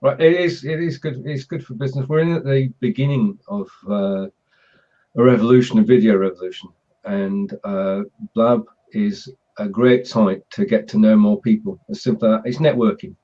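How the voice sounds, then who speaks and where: A man hosting a casual online chat show, explaining things in a halting, measured way. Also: lowish voice, dark tone. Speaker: host. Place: group video call. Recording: dull, lo-fi video call audio.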